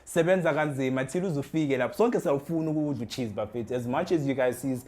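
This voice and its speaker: A man's voice: mid-range voice, fast talker, a little mellow. A young man with a South African accent co-hosting a youth podcast, talking casually, repeating words and mixing English with Zulu. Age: young adult. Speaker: podcast co-host. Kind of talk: casual chat.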